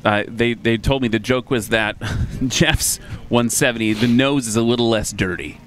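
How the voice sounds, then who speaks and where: A man's voice: mid-range voice, moderate pace, fairly bright tone, a little hiss or hum. A man co-commentating a live air show competition in an easygoing, chatty way, also giving sponsor plugs.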